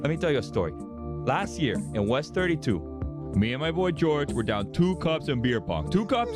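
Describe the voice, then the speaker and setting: A man's voice: fairly high pitch, big pitch swings, normal speed. Man playing a brash Miami Cuban hype-speech bro. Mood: fired-up, defiant. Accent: Miami Cuban-American. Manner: emphatic, dramatic build-ups, slangy Spanglish. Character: brash, hyped-up young Miami superfan bro. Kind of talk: booming motivational hype speech. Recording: background music under the voice.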